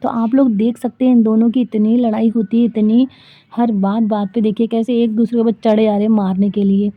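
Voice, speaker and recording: Woman, thirties, casual vlog voice-over, chatty and rambling, fairly high voice, dry tinny sound. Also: little pitch movement, a little fast, dry recording. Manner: chatty, rambling, lots of fillers. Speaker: vlogger and homemaker. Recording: dry, thin phone-like sound.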